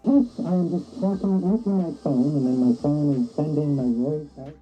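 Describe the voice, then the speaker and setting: A man's voice: fairly high pitch, moderate pace, warm tone, husky, soft background music. A man's voice heard as playback from a homemade record disc, muffled and hissy, as he tests a toy recorder. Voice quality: hissy, muffled, dull sound. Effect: his voice played back from a homemade record disc, lo-fi with hiss. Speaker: vlogger testing a toy recorder.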